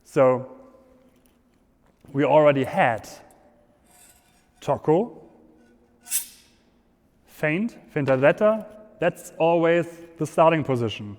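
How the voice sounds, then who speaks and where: Slow-paced German-accented man in an echoing hall. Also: fairly high pitch, expressive, a little mellow. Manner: halting non-native phrasing. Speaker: fencing instructor. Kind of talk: instructional demonstration, explaining step by step. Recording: echoey hall with long reverb.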